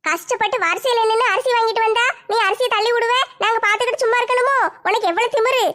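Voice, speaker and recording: A woman's voice: very high voice, fairly even intonation, fast talker, fairly bright tone. A woman voicing a fierce village woman who taunts and threatens a rival. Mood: menacing. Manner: threatening, taunting, vicious relish. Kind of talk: one-woman comic skit.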